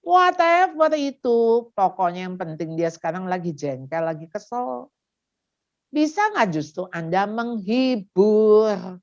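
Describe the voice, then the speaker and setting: A woman addresses parents at a seminar. She talks in an animated way and slips into short acted exchanges between mother and child. The sound is dull and lo-fi. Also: medium pitch, takes it slowly. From Indonesia. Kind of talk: seminar talk.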